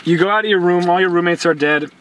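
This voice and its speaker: Young guy, slightly high voice, deadpan storyteller, noisy car audio. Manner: deadpan storyteller, drawn-out pauses. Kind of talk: casual chat, absurd made-up scenarios.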